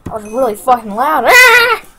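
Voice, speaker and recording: A woman's voice: fairly high pitch, moderate pace, slight background noise, low-quality recording. A woman playing a survival video game, swearing freely and thinking aloud as she plays. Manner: profane, excitable, thinking aloud. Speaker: gamer. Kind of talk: let's play commentary.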